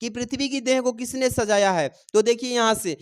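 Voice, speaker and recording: A man's voice: extremely high pitch, a little fast, clear, resonant tone. Encouraging male teacher coaching students. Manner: encouraging, calls students "babu" and "dear children", reads verse aloud. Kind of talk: exam-prep lesson.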